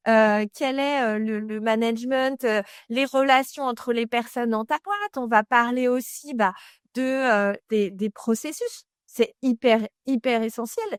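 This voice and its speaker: In a casual expert explainer, a woman with a slightly high, clean voice talks through employer branding, a little slowly and directly, addressing the listener as "tu" and using plenty of fillers. The sound is dry and close, with no echo or room around it.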